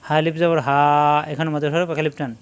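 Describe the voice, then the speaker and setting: A man teaching Quran reading, spelling each syllable aloud and then chanting the joined words in a slow, drawn-out tune. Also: on the high side, flat delivery, clean tone. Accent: Bangladeshi Bengali. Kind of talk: slow letter-by-letter recitation lesson.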